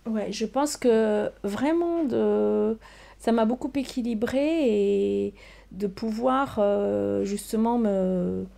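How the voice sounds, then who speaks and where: An older woman speaks as an interview guest, her voice dark, mellow and gravelly with a touch of fry. She talks haltingly, filling pauses with ums and restarting her sentences. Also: mid-range voice. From Portugal. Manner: hesitant, many fillers and restarts. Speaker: research scientist guest. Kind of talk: casual interview answers.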